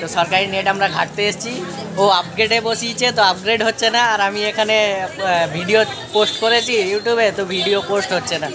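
A man's voice: high-pitched, steady tone, fast. A man vlogging casually, explaining things to his viewers from a busy railway station. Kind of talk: casual vlog report. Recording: crowd noise behind.

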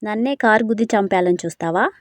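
A woman's voice: mid-range voice, fast talker, dry recording, close to an everyday voice. A woman voicing a feisty young woman who scolds sharply. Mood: scolding.

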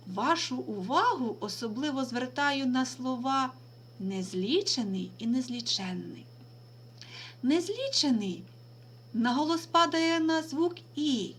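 A woman teacher giving a recorded remote lesson, reading out words slowly and deliberately and stressing them. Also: a little high, slight background noise. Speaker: language teacher.

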